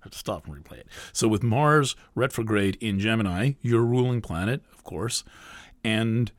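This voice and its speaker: A man giving a spoken astrology forecast in a thoughtful, hesitant way, with many pauses and fillers. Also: on the low side, lively intonation, no echo, studio quality. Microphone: close voice recording.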